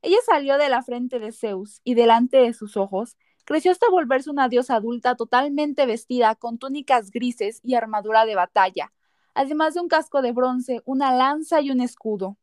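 A woman's voice: sits high, moderate pace, a little mellow, no echo, clean studio sound. A woman narrating a scripted story dramatically as a podcast narrator.

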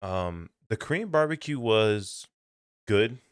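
A young man co-hosting a casual podcast chat, loose and profane, often laughing and mimicking yells. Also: fairly low pitch, lively intonation, slow pace, smooth, no room sound, studio quality. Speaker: podcast co-host.

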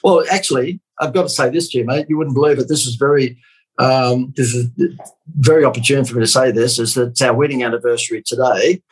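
A man's voice: mid-range voice, fairly even intonation, fast, slightly rough, low-quality recording. An Australian man in his fifties, a marketing guest in a casual podcast interview, joking and salesy with a dry sarcastic streak.

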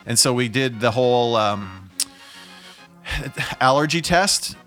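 A man's voice: mid-range voice, lively intonation, slow pace, a bit bright, faint music behind. A man chatting casually on a podcast, telling stories and poking fun at himself. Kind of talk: casual chat.

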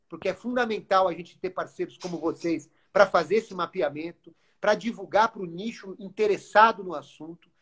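A man's voice: high voice, fairly bright tone, husky. A Brazilian man, a city culture official, speaking earnestly in a live online interview, with frequent fillers and restarts. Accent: Brazilian Portuguese.

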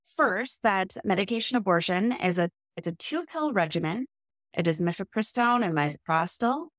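A woman's voice: medium pitch, animated, normal speed, no echo, clean studio sound. A woman with a Minnesotan accent, an advocate guest on a podcast, speaking in firm, emphatic statements. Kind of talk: podcast conversation.

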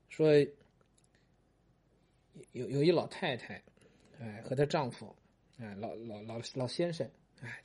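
A man's voice: medium pitch, a little mellow, breathy edge. A man hosting a talk segment and casually telling a joke, chatty, with frequent restarts. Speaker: host and storyteller.

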